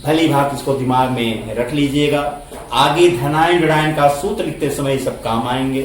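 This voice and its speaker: A man teaching a chemistry lesson to students, speaking slowly, repeating words, spelling them out letter by letter and answering his own questions. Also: mid-range voice, recorded from a distance, slight background noise. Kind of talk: classroom lecture. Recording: echoey room, voice set back from the mic.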